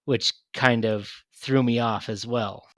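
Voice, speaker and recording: A man's voice: medium pitch, fairly even intonation, slow pace, dry recording. A man co-hosting a podcast, rambling in casual chat with many restarts and fillers. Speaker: podcast co-host.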